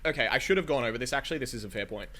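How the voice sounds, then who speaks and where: A man's voice: mid-range voice, lively intonation, racing, sharp tone, slight background noise. A man hosting a casual podcast, explaining game lore in a rambling, hedging way with many fillers. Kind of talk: casual chat.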